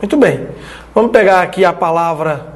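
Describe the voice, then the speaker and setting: A man from Brazil teaching an online Biblical Greek lesson, explaining slowly and checking in with his listeners as he writes on the screen. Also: high-pitched, lively intonation.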